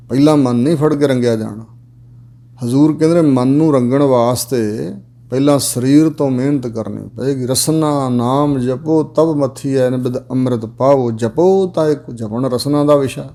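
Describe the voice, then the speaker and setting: A man preaching in a mellow, dark voice at a middle pitch. He chants each scripture line slowly and then explains it in a steady, plain way. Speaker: Sikh preacher giving scripture commentary. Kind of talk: sermon with recited verses.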